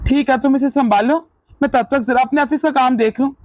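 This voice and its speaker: A woman's voice: sits high, fairly even intonation, a little fast, a little mellow, no room sound. A woman voicing a stern young husband and son in a cartoon who questions and scolds. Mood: worried.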